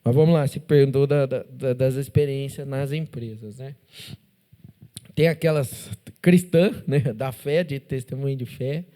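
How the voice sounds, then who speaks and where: A man with a Brazilian Portuguese accent, a podcast guest telling faith stories in a casual, animated way, acting out dialogue and tagging sentences with "né?". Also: mid-range voice, measured pace. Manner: animated, acts out dialogue, constant "né?" tags. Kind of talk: casual testimony storytelling. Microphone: studio podcast mic.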